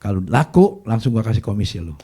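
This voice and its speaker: Blunt, bossy male friend, mellow and husky, as a preacher acts him out. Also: lowish voice, sing-song, fast, exaggerated voice.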